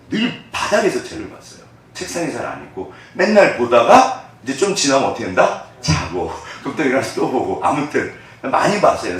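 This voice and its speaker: A man preaching a conversational sermon as pastor, swinging between hushed asides and animated bursts. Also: medium pitch. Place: church sanctuary. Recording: echoey church hall from far off.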